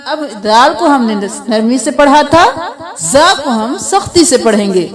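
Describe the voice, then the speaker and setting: A woman with a Pakistani Urdu accent teaching letter pronunciation, stretching out each letter name slowly between quick spoken explanations. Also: sits high, lively intonation, crowd noise. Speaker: Quran reading teacher.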